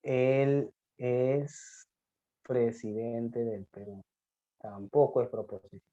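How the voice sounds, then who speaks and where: A man teaches a math lesson in a mellow, dark voice. He takes on his students' questions and answers them, often slowing to a dictation pace. The recording is dull and lo-fi. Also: mid-range voice, steady tone. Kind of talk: classroom lecture on logic. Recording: dull lo-fi sound.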